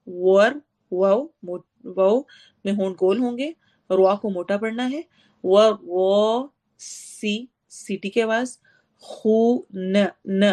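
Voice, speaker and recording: A woman teaching a tajweed lesson to her students. She explains recitation rules, asks and answers her own questions, and slowly draws out Arabic words to demonstrate them. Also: mid-range voice, dark tone. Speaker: Quran teacher.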